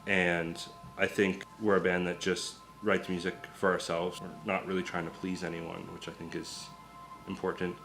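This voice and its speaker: A band member speaking in a low-key, matter-of-fact way in an interview. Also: male voice, flat delivery, moderate pace, music in the background. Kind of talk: casual interview answer.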